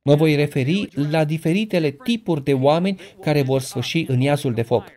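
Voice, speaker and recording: A man preaching a sermon, speaking directly to his listeners with questions and building to loud, emphatic peaks. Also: a little high. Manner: emphatic, rises to loud passionate peaks when quoting; addresses the congregation directly with questions.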